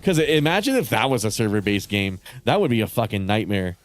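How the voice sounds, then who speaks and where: Streaming a game, a man chats casually in a fairly low, expressive voice that runs a little fast. He's nasal and congested, rambling along, swearing often, and laughing between thoughts.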